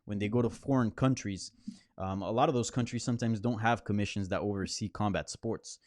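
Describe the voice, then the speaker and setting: Low-voiced man rambling through viewer questions. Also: a little fast, darkish tone, no room sound, clean studio sound. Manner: rambling, many restarts and fillers; conversational, answering viewer questions. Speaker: host. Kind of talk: live Q&A stream. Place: apartment near a hospital.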